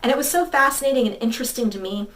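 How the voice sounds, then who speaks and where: A woman's voice: on the high side, rapid-fire, a bit bright. Chatty woman telling a story, slightly distant. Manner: chatty, rambling, many fillers and quoted dialogue. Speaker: tarot reader. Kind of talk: casual storytelling to camera.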